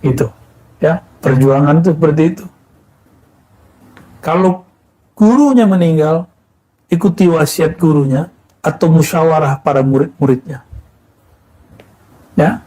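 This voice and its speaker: A man delivers a religious talk in an unhurried, conversational teaching style. His voice is mellow and warm, sitting a little high for a man. He poses questions to listeners and answers them himself. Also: poor audio. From Indonesia. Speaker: preacher. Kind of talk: sufi sermon.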